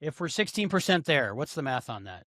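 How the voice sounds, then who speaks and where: Podcast host, man, fairly high and very animated voice, close dry mic, upbeat wrap-up energy. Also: a little fast, dry recording. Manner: upbeat, thanks everyone in turn. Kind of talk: casual chat.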